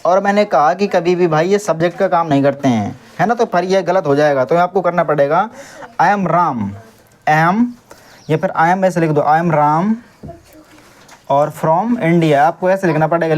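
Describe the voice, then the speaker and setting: A young man teaching English grammar in a classroom, asking the pupils questions and answering for them, and now and then telling them to stop making noise. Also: fairly high pitch. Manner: scolds noisy pupils.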